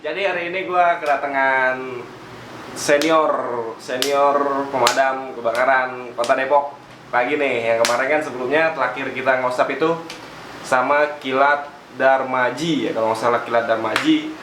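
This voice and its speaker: A man's voice: medium pitch, steady tone, normal speed. A man with a Jakarta-area Indonesian accent hosts a casual chat interview, bantering in slang and echoing his guest's answers. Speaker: host. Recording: echoey room with clear background noise.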